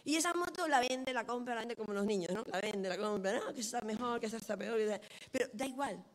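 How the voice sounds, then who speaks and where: A middle-aged woman preaching a sermon. She tells stories with lively quoted dialogue. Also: fairly high pitch, fast talker.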